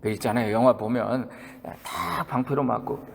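A man's voice: mid-range voice, moderate pace, gravelly. A man preaching a sermon as pastor, talking conversationally with the congregation, asking them questions and acting out the quotes he tells. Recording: long reverb of a church hall.

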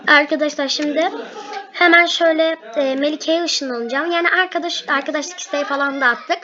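Excited young girl gamer, very high voice. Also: brisk. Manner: excited and giggly, chatty. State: losing her voice. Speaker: gaming vlogger. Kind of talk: excited gameplay chat. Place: home. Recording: lo-fi home recording.

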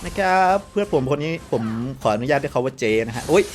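A man with a slight cold giving excitable gameplay commentary to viewers, often exclaiming and repeating words. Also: mid-range voice, fast talker, a little hiss or hum. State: has a cold, voice sounds odd. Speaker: game streamer.

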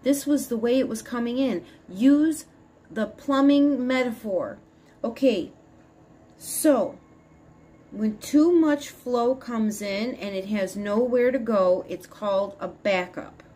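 Holding her phone camera at arm's length in a small room at home, a woman in her fifties who works as a spiritual advisor talks casually about spiritual matters. Her fairly high, mellow voice is slow, and her earnest explanations wander, with frequent sentence restarts.

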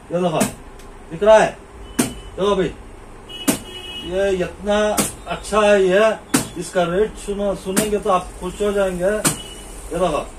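A middle-aged man from India, his voice pitched high, casually demonstrates fishing gear to a camera in a small, cluttered shop indoors. He repeats his points and points things out to the viewer while background noise runs under the audio.

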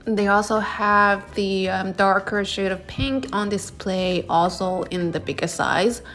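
A young woman narrating a casual shopping vlog in a chatty, descriptive way. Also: medium pitch. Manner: chatty, descriptive, reviewing products. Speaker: vlogger.

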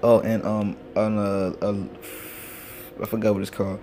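A teenage boy who hosts a gaming channel rambles casually over a mobile game, full of fillers, speaking unhurriedly in a fairly low, dark, flat voice. He records on a phone screen recorder at home as a train passes outside, leaving slight background noise.

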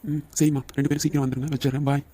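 A brisk, friendly cartoon man with a lowered, dark voice, put on by a woman. He keeps things short and moves along quickly. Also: little pitch movement. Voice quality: low mellow put-on male voice.

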